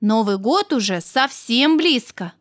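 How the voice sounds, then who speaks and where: A woman's voice: fairly high pitch, lively intonation, a little slow, dry recording, studio quality. A woman storyteller voicing a kind, good-natured little vehicle in a children's tale, sounding upbeat and reassuring. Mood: cheerful. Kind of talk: storybook character voice.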